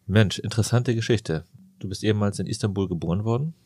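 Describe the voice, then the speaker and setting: A man's voice: fairly low pitch, fast talker, a little mellow, breathy edge, no room sound, studio quality. A man hosting a casual podcast interview, chatty and joking, telling anecdotes with gusto. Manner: jokey, chatty storyteller. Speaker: podcast host and plastic surgeon.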